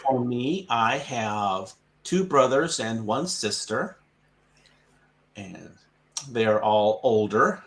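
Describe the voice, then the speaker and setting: A man's voice: mid-range voice, lively intonation, takes it slowly, a bit bright. A man from the United States, tutoring English in casual conversation practice. He repeats the student's answers back patiently and chuckles often.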